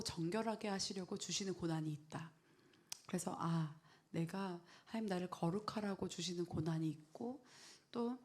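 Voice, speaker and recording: A middle-aged woman pastor sharing a personal testimony in an earnest, storytelling way, dropping into soft whispers when she quotes her prayers. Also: mid-range voice. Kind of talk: testimony sermon.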